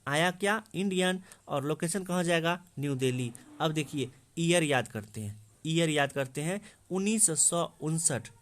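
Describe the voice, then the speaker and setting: Repetitive teacher. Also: male voice, on the high side, animated, normal speed. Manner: repetitive, drills answers by asking and answering himself. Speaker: exam prep teacher. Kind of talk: explaining memory tricks to students.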